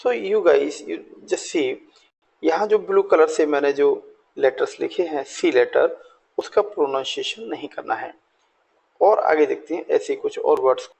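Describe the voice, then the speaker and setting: Husky, gravelly male teacher. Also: on the high side, a little mellow, poor audio. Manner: explains slowly, mixing Hindi and English, repeating words for practice. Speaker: English teacher. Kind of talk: screen-recorded Hindi-English pronunciation lesson.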